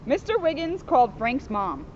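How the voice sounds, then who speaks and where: Outside a school in the sunshine, a female police officer reads a children's book with expression, breaking off for chatty comments. She speaks at a moderate pace, her high voice swinging widely in pitch. The sound is dull, with faint noise.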